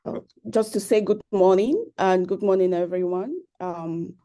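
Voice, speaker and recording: A woman's voice: medium pitch, a little slow, mellow. A woman giving brief, polite and hesitant greeting remarks as a guest over an online call. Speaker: remote guest speaker. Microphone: joining remotely over an online call.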